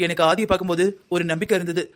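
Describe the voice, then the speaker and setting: Fretful cartoon mom, voiced by a man: high, rushed, lecturing. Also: fairly even intonation, a bit bright. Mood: worried. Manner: earnest, lecturing. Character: worried middle-aged mother, talkative and fretful. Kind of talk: Tamil cartoon drama voicing.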